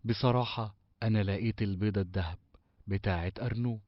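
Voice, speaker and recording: A guilty, apologetic young male cartoon character, voiced by a man with an Egyptian accent, somewhat low. He talks hesitantly. The audio is dry and a little dull. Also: fast, dry recording, close to an everyday voice. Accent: Egyptian Arabic. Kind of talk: cartoon voice acting.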